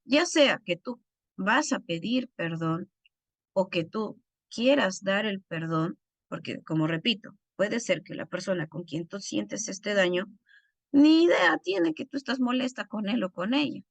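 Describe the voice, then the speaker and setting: Earnest woman teaching, gravelly and dry. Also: medium pitch, expressive, unhurried, no echo. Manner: earnest, speaks to the listener as "tú". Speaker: bible course teacher. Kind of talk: teaching a recorded class.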